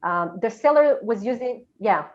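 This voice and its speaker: A woman's voice: a little high, animated, normal speed, lo-fi sound. A woman on a video call explaining a business sale, her audio breaking up and cutting out mid-sentence. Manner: explains with examples, many fillers. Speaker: business broker guest. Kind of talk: interview over a video call.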